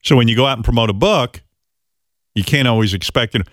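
A man's voice: mid-range voice, fairly quick, fairly bright tone, dry recording, clean studio sound. A male radio host in casual comedic banter, crude and joking.

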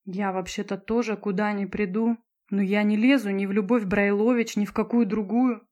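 A woman voicing a sharp-tongued, jealous teenage schoolgirl with a cutting, mocking manner. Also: medium pitch, steady tone, moderate pace, lightly acted. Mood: troubled.

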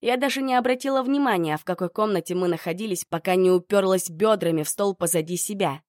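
A woman reading a first-person audiobook in an expressive, emotional way. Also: medium pitch, fast, dry recording, studio quality. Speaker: audiobook narrator.

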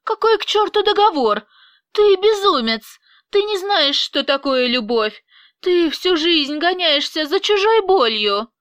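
A woman voicing a distraught, defiant young mother with shrill, tearful outbursts. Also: lively intonation, a little slow, a bit bright, dry recording, highs cut off. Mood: anguished.

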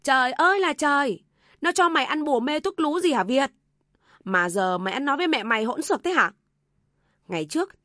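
A woman's voice: sits high, a bit bright, no echo, studio quality, voice pushed up. A woman voicing a furious old mother-in-law who screams and scolds.

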